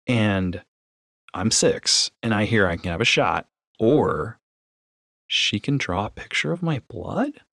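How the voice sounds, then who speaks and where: Using anecdotes, acted-out dialogue and rhetorical questions, a man hosting a podcast teaches as a lively storyteller. He speaks slowly in a lowish, creaky voice, recorded at studio quality with no room sound.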